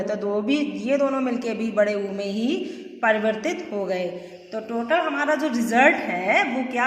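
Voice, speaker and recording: A woman teacher giving a grammar lesson, explaining step by step and asking the class questions as she goes. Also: a little high. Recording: echoey room with long reverb.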